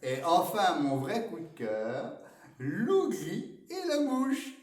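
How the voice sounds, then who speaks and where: Librarian type, a man with a high, lively voice reading picture books with play, unhurried, echoey library, mic set back. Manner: playful, animated storytelling. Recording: echoey room, mic at a distance.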